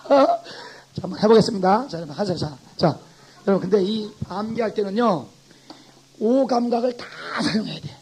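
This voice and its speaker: A pastor giving an animated classroom lecture, a man who acts out his examples and swings from loud to soft. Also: sits high, normal speed, slightly rough, poor audio.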